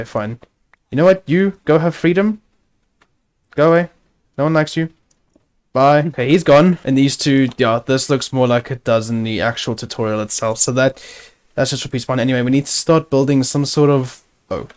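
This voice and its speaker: A man's voice: medium pitch, darkish tone. A man hosting a gaming video, giving casual gameplay commentary, chatty and self-narrating with wry asides.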